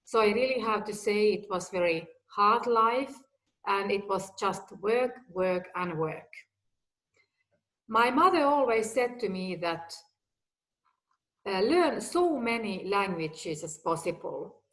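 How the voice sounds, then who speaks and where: Speaking unhurried, carefully measured English with simple, direct sentences typical of a later learner, a Finnish guest executive in her fifties gives a personal talk; her native tongue is Finnish or Swedish. Her middle-pitched voice is animated and fairly bright, captured in a low-quality recording.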